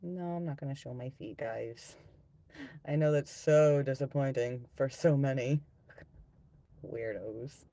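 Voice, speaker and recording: A man with a gravelly, smoker-like voice hosting a casual live stream, talking bluntly to viewers and swearing freely. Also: medium pitch, a little slow, pauses often, mellow, no room sound. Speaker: live stream host and tarot reader.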